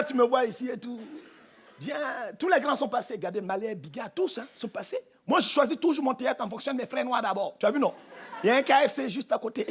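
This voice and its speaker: A man's voice: extremely high pitch, noisy background. A man with a Cameroonian French accent doing live stand-up on a theatre stage, teasing and punchy, talking straight to the crowd. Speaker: stand-up comedian.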